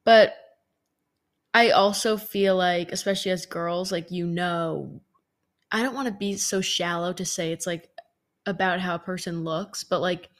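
A young woman in her twenties tells a story on her podcast. Her voice sits a little low, and she talks in a loose, chatty way full of filler words. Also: steady tone, unhurried. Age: 20s. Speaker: podcast host. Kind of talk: casual storytelling monologue.

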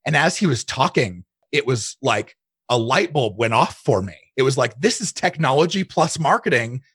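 Recorded in clean studio sound without any room noise, a man speaks in a mid-range, bright, husky and animated voice at a moderate pace. He is a digital marketing entrepreneur being interviewed, casually narrating personal anecdotes and quoting his own thinking along the way.

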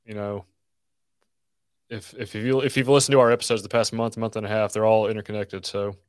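A man's voice: lowish voice, little pitch movement, a little fast, clean tone, no room sound. A man hosting a podcast, chatting casually and announcing upcoming episodes. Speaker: podcast host. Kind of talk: casual chat.

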